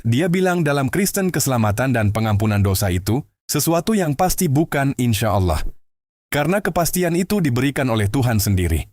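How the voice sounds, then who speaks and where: A man hosting and narrating scripted commentary in a steady, explanatory way. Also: mid-range voice. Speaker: host.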